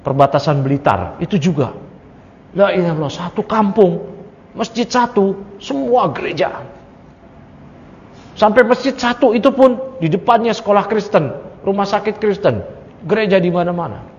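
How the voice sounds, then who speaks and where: High-voiced man lecturing in an echoey hall. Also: normal speed, pauses often. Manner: animated, fires rhetorical questions at the audience. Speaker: Islamic religious teacher. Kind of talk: study-circle lecture on a creed text. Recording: echoey hall, dull lo-fi sound.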